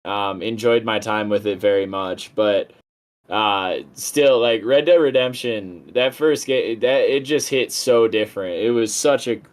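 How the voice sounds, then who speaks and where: A young male streamer chatting casually while he plays, rambling from thought to thought. His voice sits a little low, and he drops casual swears as he gets excited about games he loves. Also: unhurried. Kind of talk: casual live-stream chat while gaming.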